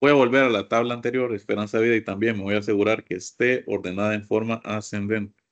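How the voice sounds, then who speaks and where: Low-voiced man teaching software step by step. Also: fairly even intonation, quick pace, lo-fi sound. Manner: step-by-step, keeps calling the class to look. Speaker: computer course instructor. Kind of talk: screen-share software lesson.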